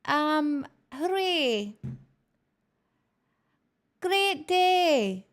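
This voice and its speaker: A woman's voice: sits high, animated, very slow, heavily acted. A woman voicing a chatty Irish woman who gives a rambling, sweary weather report in a put-on Irish accent, on a live stream.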